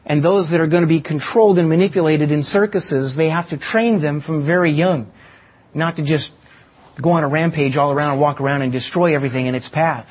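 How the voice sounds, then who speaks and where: Male pastor, fairly high husky voice, sermon on a muffled lo-fi recording. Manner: teaching with illustrations and slow emphatic pauses.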